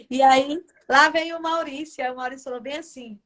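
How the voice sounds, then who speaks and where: Brazilian woman, gospel singer, high voice, emotional testimony over a video call. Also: steady tone, measured pace, a bit bright. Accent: Brazilian Portuguese. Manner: emotional storytelling, acts out her own past words. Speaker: gospel singer, interview guest. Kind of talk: casual testimony in a radio interview.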